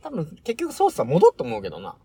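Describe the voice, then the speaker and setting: A man chatting casually in a Tohoku Japanese dialect, teasing and quick to object. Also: a little high, huge pitch swings, warm tone, husky, no room sound. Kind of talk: casual chat.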